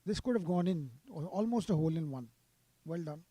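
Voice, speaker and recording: A man's voice: a little high, lively intonation, brisk, dark tone, dry recording. A man giving live golf commentary, sympathetic toward the players.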